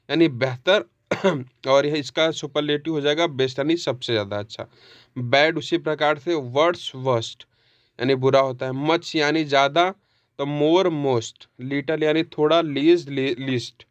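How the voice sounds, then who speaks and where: A man giving an English grammar lesson in Hindi, reading word lists slowly and pausing between words. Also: on the high side, dry recording, lo-fi sound. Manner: reads word lists slowly, with short pauses; explains in Hindi, with occasional throat clearing.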